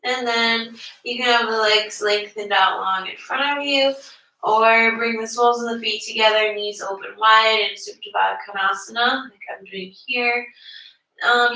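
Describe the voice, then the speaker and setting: A woman's voice: a little high, steady tone, moderate pace, sharp tone. A young woman with a stuffy nose leading a live-streamed yoga class, speaking casually with many fillers. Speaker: yoga teacher. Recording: roomy, distant from the mic.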